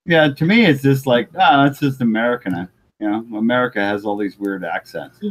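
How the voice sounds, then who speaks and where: Husky-voiced Canadian man, blunt. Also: medium pitch, fairly quick. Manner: blunt, laughs easily. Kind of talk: casual panel chat.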